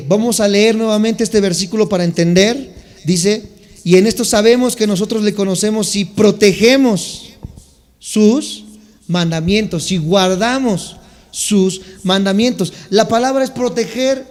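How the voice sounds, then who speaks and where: Man, pastor, sermon, high voice, long hall reverb. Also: darkish tone. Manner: teaching Bible words, asks congregation to respond. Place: church sanctuary.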